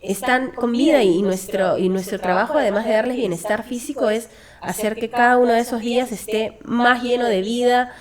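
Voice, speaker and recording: A woman from Peru, the founder of a children's hospice, speaks as an interview guest at a moderate pace in a fairly high voice with fairly even intonation. Earnest and reflective, she tells a story in a Peruvian Spanish accent, filling it with fillers and restarts while a crowd murmurs behind her.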